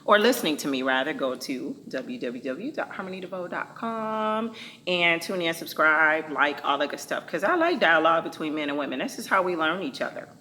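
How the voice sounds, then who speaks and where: A woman's voice: low-pitched, animated, brisk, sharp tone, a little hiss or hum. A woman hosting a casual talk show, outspoken and playful, speaking. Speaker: host.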